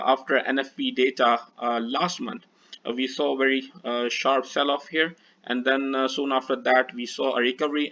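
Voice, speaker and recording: A trading analyst whose first language is Urdu walks through charts on a screen share, speaking hesitantly with frequent fillers. He has a mid-range, fairly bright voice, and the recording is dull and lo-fi.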